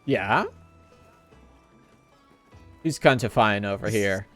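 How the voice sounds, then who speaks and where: A man chatting casually on a gaming stream, wisecracking and quick to laugh. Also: lowish voice, a bit bright, faint music behind.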